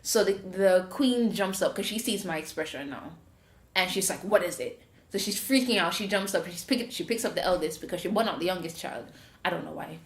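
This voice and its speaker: A Jamaican-accented woman with a fairly low pitch talks fairly quickly as she hosts a podcast. In casual chat she tells a story, animatedly acting out each voice. The recording sounds roomy and echoey.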